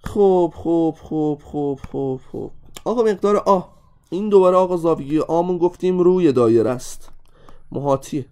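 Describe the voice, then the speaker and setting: A man teaching an exam-review math lesson, animated and constantly addressing his students directly. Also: fairly high pitch.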